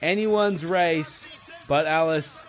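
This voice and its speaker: A man giving live play-by-play sports commentary, building to excited calls at the finish. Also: on the high side, slow.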